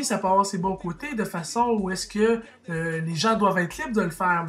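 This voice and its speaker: A man's voice: sits high, fairly bright tone. A man with a Québécois French accent delivering an impassioned opinion monologue, emphatic and rhetorical, with frequent restarts. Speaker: vlogger.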